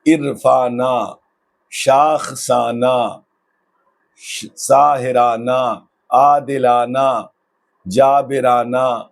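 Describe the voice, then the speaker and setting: Male grammar teacher, husky, patient lesson delivery, drags out example words for students. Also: medium pitch, darkish tone. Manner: drawn-out example words, repeated slowly. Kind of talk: explanatory lesson.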